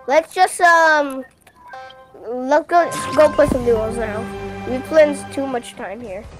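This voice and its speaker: A young gaming channel host chatting casually and playfully, with giggles and loud bursts. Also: female voice, sits high, slow, low-quality recording. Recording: music playing behind.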